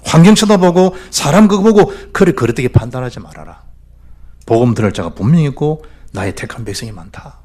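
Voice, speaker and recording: Animated Gyeongsang pastor preaching. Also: male voice, mid-range voice, brisk. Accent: Gyeongsang Korean. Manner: animated, swings between loud exhortation and hushed asides. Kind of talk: sermon. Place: church.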